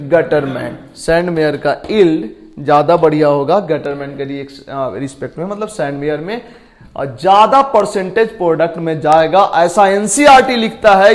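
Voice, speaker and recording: A male chemistry teacher with a high voice, speaking at an unhurried pace. He works through each point step by step, throws questions at his students and thinks aloud while recalling names. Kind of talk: classroom lecture.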